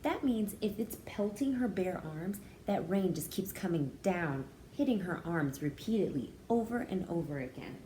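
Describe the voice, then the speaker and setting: A woman in her thirties, acting as a teacher, reads a picture book aloud to young children, expressive and pausing to explain things. Her voice is on the low side and dark in tone, with lively intonation, a moderate pace, and few pauses. The small indoor room gives a roomy echo, with faint background noise.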